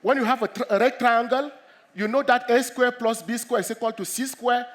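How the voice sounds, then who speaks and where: A middle-aged man from Cameroon, a mathematics professor with a cold, giving an earnest public lecture to students, halting often and repeating himself as he explains. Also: very high-pitched. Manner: earnest, repetitive, halting with many restarts. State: has a cold.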